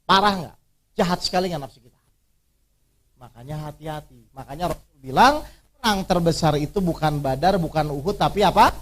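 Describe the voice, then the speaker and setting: Here the preacher's voice is fairly high, expressive, brisk and fairly bright as he guides an interactive Islamic workshop. Rhetorical questions put to the audience and repeated key phrases drive his points home.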